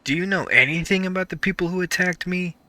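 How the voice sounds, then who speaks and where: A man's voice: sits high, fast, bright, forceful tone, no room sound. A man voicing a curious young wanderer in a video game, asking questions in a plain tone. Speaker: player character.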